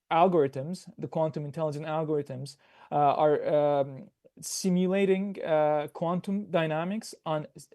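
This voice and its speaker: A man presenting a prepared startup pitch over a video call, explaining methodically and answering his own questions. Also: warm tone.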